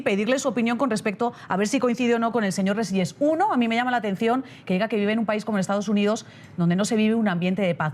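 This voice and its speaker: A woman's voice: mid-range voice, a little mellow. A woman news host moderating a live debate, posing questions with brief hesitations.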